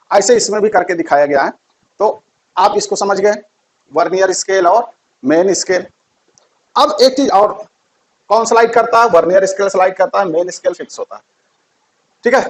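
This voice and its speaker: A man's voice: sits high, rough recording. A man giving a physics lesson, repeating key terms and quizzing his students. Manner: repeats key terms, asks quiz questions. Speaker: teacher.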